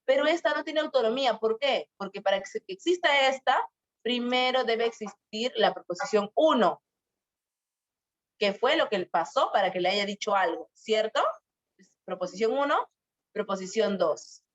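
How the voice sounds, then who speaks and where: A woman's voice: on the high side, lively intonation, normal speed. A young woman teaching a grammar lesson to school students, asking questions and drawing out her examples. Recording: muffled lo-fi sound.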